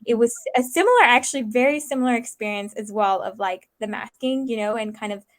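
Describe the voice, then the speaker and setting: Earnest young woman thinking aloud. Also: a little high. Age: 20s. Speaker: interview guest. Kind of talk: casual interview.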